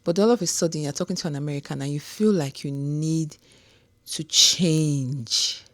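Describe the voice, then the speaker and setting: A woman's voice: low-pitched, moderate pace, dry recording. A middle-aged woman with a Nigerian accent, giving an earnest, emphatic motivational talk to camera. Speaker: vlogger.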